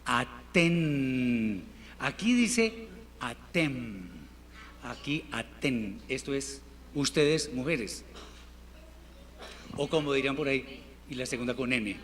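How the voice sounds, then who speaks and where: A man teaching a Hebrew class in Spanish, patiently repeating words slowly for his students. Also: mid-range voice, lively intonation, a bit bright. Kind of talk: classroom language lesson. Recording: reverberant hall, faint room noise.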